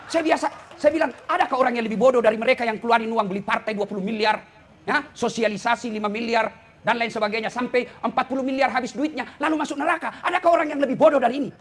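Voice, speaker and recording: A man's voice: extremely high pitch, fast talker, a bit bright. A man preaching a humorous sermon, teasing his listeners and often addressing them as "Pak". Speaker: preacher and lecturer.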